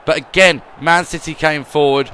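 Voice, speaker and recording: Rambling over footage of his football video game career, a man with a slightly high voice talks at a normal speed. He repeats words often and swings between gloom and excitement.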